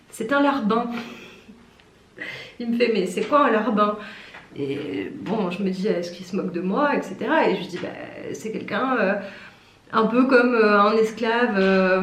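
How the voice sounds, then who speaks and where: A young woman in her twenties from France, telling a story in a chatty, self-mocking way and acting out the people in it with a raised voice. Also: medium pitch. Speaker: pharmacy student vlogger. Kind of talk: casual storytelling vlog. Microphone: camera mic. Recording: roomy echo.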